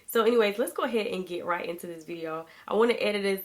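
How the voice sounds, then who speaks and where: Speaking quickly in a mid-range voice, a thirty-year-old vlogger chats casually with her audience, whom she calls "y'all." She's on the mend from being sick and her throat is still a little sore.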